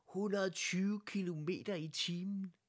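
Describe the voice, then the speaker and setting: A man's voice: mid-range voice, natural voice. A man voicing a young teddy bear who is cheerful but easily worried. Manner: bright, then anxious questions.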